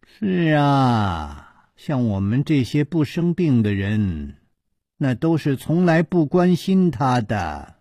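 Playful young woman, pouting, lively pitch, husky, as a male narrator does her. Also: slow, dry recording, studio quality, exaggerated voice.

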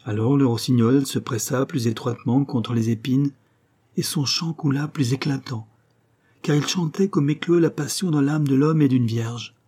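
Dark husky male storyteller. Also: medium pitch, moderate pace. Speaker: narrator. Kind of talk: storybook reading.

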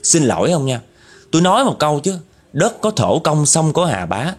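A man's voice: big pitch swings, normal speed. A man playing a fed-up young man who angrily scolds a ghost. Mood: warning. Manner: angry, scolding, higher and louder.

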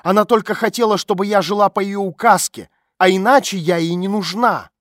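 A man voicing an angry, defiant teenage runaway girl who shouts back sharply in an audiobook. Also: sits high, expressive, moderate pace, no room sound, studio quality, voice pushed up. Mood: angry shouting. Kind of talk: audiobook character voice.

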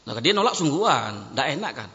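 Animated preacher in an echoey hall. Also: male voice, mid-range voice, brisk. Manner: animated, acts out dialogue in shifting voices. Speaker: ustadz preacher. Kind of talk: sermon with storytelling. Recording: muffled, echoey hall recording.

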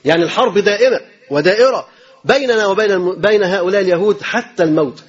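An Egyptian man delivers a sermon at a quick clip, his voice high and husky. He drives his points home with rhetorical questions and repetition. The recording is dull and lo-fi. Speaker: sheikh giving a religious lecture. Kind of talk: colloquial sermon.

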